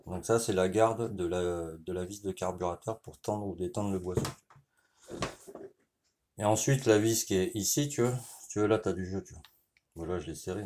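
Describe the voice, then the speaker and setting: A man with a French accent, a motorcycle mechanic, speaks in a low, darkish voice, and there's a little hiss or hum in the audio. Talking casually and directly to the viewer as he repairs something, he keeps saying "tu vois." He pauses and restarts while explaining his work.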